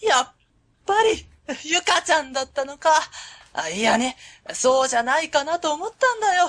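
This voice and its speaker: For a Japanese web radio drama, an actress plays a friendly, warm and modest middle-aged woman who is a company president. Her voice is high and warm, very animated at a moderate pace, and she sounds fond and delighted, speaking politely with hesitant openers and fond chuckles.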